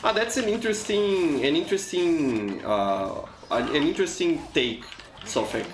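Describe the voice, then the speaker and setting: A Brazilian man whose first language is Portuguese chats casually with viewers while live-streaming a shooter game, speaking with a Brazilian accent in a slightly high, expressive voice at a moderate pace. He's encouraging and talkative, often repeating words as he goes. The recording has a roomy echo, background noise and game music behind him.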